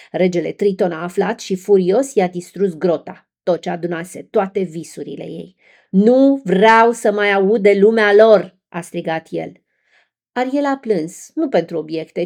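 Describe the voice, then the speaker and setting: Gravelly, low-voiced woman telling a fairy tale. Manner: soft, gently expressive storytelling. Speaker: storyteller. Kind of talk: scripted fairy-tale narration.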